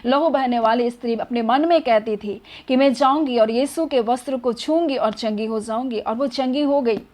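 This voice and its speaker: A woman's voice: a little high, normal speed, a little mellow. A woman preaching a sermon, earnestly asking rhetorical questions and answering them herself.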